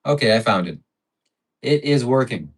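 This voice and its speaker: Speaking at a moderate pace with lively intonation, a mid-range male host runs a relaxed livestream where he reads donations aloud, thanks those who gave, and strings adjectives together.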